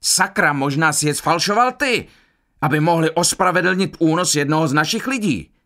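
A man doing a shouting hot-tempered man. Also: a little high, sing-song, voice pushed up. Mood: angry. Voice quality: loud, raised.

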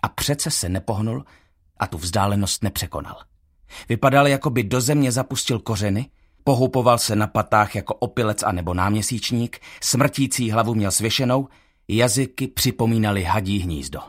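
A man reading a first-person audiobook in a measured, tense storytelling manner. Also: fairly low pitch. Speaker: audiobook narrator.

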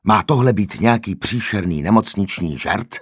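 A man's voice: fairly low pitch, expressive, breathy edge, dry recording, clean studio sound. A man playing a horrified father who bursts out in agitated exclamations. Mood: angry. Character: horrified, angry young father.

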